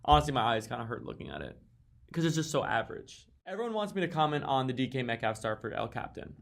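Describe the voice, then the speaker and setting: A man's voice: mid-range voice, big pitch swings, fast, creaky. A man giving a casual, mock-serious rant as a league commentator, sarcastic and swearing, with sudden exasperated outbursts. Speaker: fantasy football league commentator.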